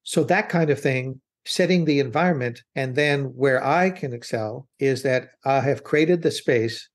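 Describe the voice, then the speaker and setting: Here a man with medium pitch talks a bit slowly as an interview guest who works as a business consultant. His replies wander at length in an earnest, thoughtful tone, broken up by restarts.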